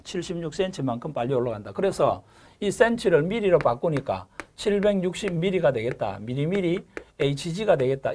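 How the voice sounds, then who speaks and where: A middle-aged man giving a recorded exam-prep lecture, repeating key terms, filling pauses with a drawn-out "에" and checking in with "그죠?" after each point. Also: a little high, darkish tone. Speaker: lecturer for a gas engineering exam course.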